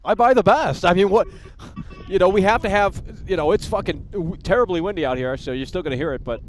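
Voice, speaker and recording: A man hosting an improvised call-in comedy livestream outdoors in the wind on a headset, talking loud and frantic. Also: sits high, fast. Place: windy outdoors.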